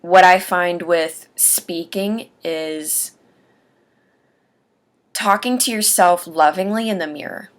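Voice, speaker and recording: Lady vlogging about dentures, slight lisp, talks kinda low and really over-enunciates everything. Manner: deliberate, over-enunciated speech. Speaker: vlogger sharing denture aftercare advice. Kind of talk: casual talking-head video diary. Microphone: webcam or camera mic while watching herself on screen.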